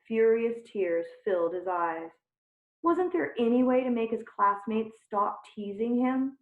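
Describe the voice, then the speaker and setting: A woman reading a children's chapter book aloud with unhurried, expressive storytelling. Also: medium pitch. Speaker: reader. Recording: tinny phone-like sound in a roomy space.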